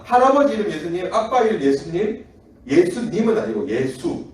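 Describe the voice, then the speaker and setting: Male children's preacher, Gyeongsang accent, animated and mellow, echoey distant hall sound. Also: high voice. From Daegu. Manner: lively, acts out quoted voices, laughs often. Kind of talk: children's sermon with storytelling. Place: church hall.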